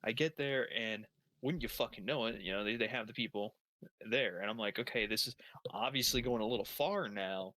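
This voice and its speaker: Guy telling a made-up story off the cuff, lowish but bright tense voice, cussing a lot, keeps restarting. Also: fairly quick, no room sound. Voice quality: heavy swearing, rambling with many restarts. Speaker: storyteller on a gaming stream. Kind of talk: improvised comedic storytelling.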